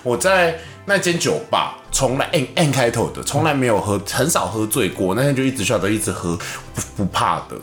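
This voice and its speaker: A man with a Taiwanese Mandarin accent, co-hosting a casual podcast chat and telling animated stories. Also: normal speed, hardly any pauses. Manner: animated storytelling, acts out quotes in a high voice. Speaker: podcast co-host. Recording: echoey room with faint music.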